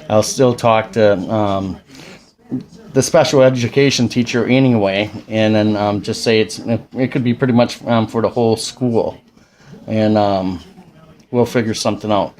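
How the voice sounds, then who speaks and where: At his home radio station indoors, a man around forty who is a father and ham radio operator talks informally to camera, rambling as he explains things. He has an American accent and a medium-pitched, slightly mellow voice.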